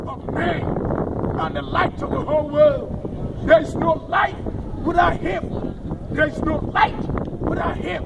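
Older man chanting slow outdoor praise. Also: very high voice, gravelly. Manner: slow chanting proclamation, repeated refrains. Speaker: street preacher. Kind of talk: open-air street preaching. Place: town square outdoors, kneeling on a mat. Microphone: distant handheld camera. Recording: distant outdoor street recording with noise. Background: street and wind noise.

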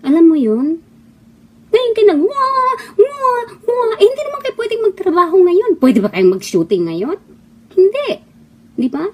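A woman's voice: extremely high pitch, sing-song, normal speed, pauses often, warm tone. A middle-aged woman from the Philippines, a former actress, delivering a heated, scolding monologue full of mocking rhetorical questions. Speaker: former actress giving opinions. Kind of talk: impassioned monologue. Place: abroad, away from the Philippines.

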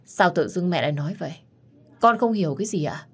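A woman's voice: lowish voice, expressive, fast, breathy edge. A woman voicing a polite, bewildered young man speaking to his mother. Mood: puzzled. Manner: polite, puzzled. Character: polite confused young man, dutiful son.

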